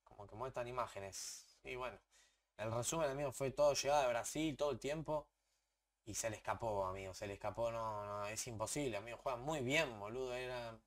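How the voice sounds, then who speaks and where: A young adult man with an Argentine accent, reacting live to a football match for his channel in excitable, slangy bursts. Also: medium pitch, fairly quick. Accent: Argentine Spanish. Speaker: reaction video host.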